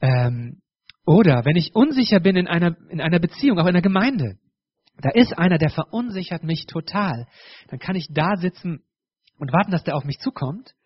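A man preaching a sermon, his voice sitting a touch high with a husky edge. He talks directly to his congregation and often breaks off and restarts. The sound is dry and somewhat dull. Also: lively intonation, normal speed, dry recording. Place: church.

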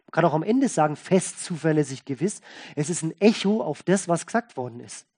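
A pastor preaching a sermon in a folksy, conversational way, stressing and repeating key words and swinging between loud and soft. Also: medium pitch, lively intonation, fairly quick, breathy edge.

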